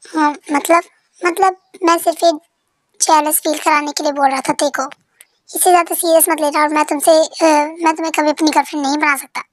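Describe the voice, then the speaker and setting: A woman's voice: sits high, fairly even intonation, fairly quick, close to an everyday voice. A woman voicing a cool, teasing young man in a fan-dubbed story, smug and dismissive.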